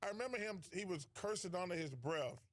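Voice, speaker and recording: A former basketball player retelling a funny game story and laughing at it. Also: male voice, high voice, animated, brisk. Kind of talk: anecdote to an audience. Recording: crowd audible behind.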